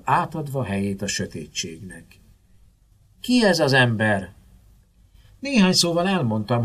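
Expressive male narrator for a first-person mystery audiobook; husky voice, animated and theatrical delivery. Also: fairly low pitch. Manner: expressive, dramatic storytelling.

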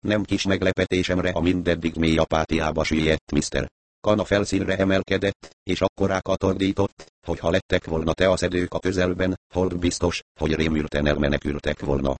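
Deep-voiced male audiobook narrator. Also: little pitch movement, no echo.

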